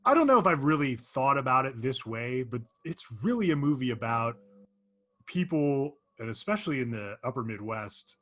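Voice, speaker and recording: A young man with a slightly husky, breathy voice talks through a film in an easygoing, reflective way. He laughs readily and builds his thoughts as he goes, in a relaxed podcast conversation. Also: medium pitch, moderate pace. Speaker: podcast co-host. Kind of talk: casual chat.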